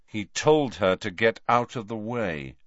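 Harry: a man doing a quiet, insistent teenage boy. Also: on the low side, expressive, unhurried, no echo, highs cut off. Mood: near whisper. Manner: quiet, level, pressing.

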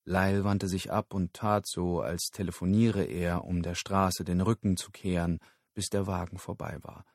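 A man narrating an audiobook in a steady, measured storytelling voice. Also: low-pitched, creaky, dry recording, studio quality.

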